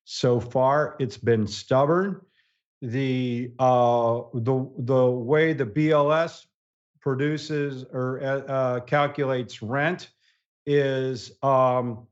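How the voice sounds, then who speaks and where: A man's voice: mid-range voice, muffled recording. A man being interviewed as an economic analyst, explaining his points with many fillers and restarts. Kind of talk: podcast interview answers.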